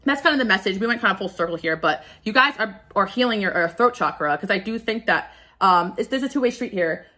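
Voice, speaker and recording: A woman's voice: medium pitch, animated, fast talker, bright, forceful tone. A woman giving a casual pick-a-card tarot reading, candid and confessional, who often stumbles over her words.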